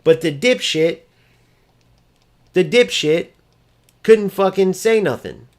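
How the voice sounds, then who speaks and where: Man, gaming streamer, ranting commentary, profane, mocking, slightly high voice. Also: expressive, slow, darkish tone. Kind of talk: ranting commentary over gameplay.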